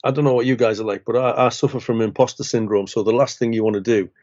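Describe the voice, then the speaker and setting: Man co-host in a casual beer chat, jokey and rambling, mid-pitched, dull lo-fi sound. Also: steady tone, quick pace, a little mellow. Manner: rambling, jokey, restarts and tag questions. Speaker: social worker podcast co-host. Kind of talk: casual chat over beers. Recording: muffled lo-fi recording.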